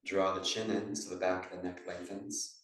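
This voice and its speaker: A yoga teacher with a low voice leads a meditation class, guiding breath and posture in even, measured phrases broken by pauses. The microphone sits far from him in a room with heavy echo.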